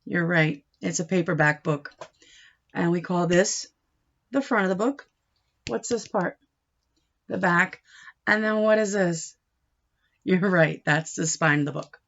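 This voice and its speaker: A female teacher reads a picture book aloud to young children in a low, gravelly voice, using short, deliberate phrases. She's instructive, posing questions and answering them herself, and grows expressive during the reading. The recording sounds dull and lo-fi.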